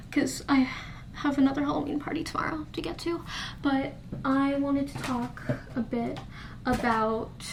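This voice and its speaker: A woman in her early twenties films a casual diary vlog in her bedroom, talking candidly and rambling with restarts to a camera held in front of her face. Her voice is high-pitched, with a slight hiss or hum in the audio.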